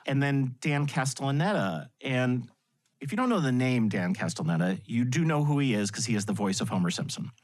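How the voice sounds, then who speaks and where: A man guesting on a podcast, telling anecdotes in an animated way and laughing often. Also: mid-range voice, brisk. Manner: animated storyteller with frequent laughs. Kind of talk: anecdotal storytelling in conversation.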